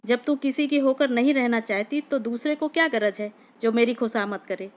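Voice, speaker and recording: A woman's voice: fairly high pitch, moderate pace, close to an everyday voice. A woman doing a sullen, bitter village man. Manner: curt, bitter retorts. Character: young village man, sullen, hurt, irritable.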